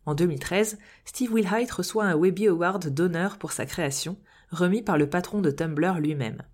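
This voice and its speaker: Lower-pitched woman hosting a podcast. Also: normal speed, darkish tone, slightly rough. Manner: informative with wry, playful asides. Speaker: podcast host. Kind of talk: scripted podcast narration.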